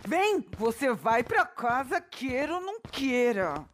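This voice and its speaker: Brief: woman as a stern, pious mother, commanding and harsh, slightly high voice. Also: big pitch swings, takes it slowly, heavy background noise, full character voice. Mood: scolding. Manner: scolding, commanding.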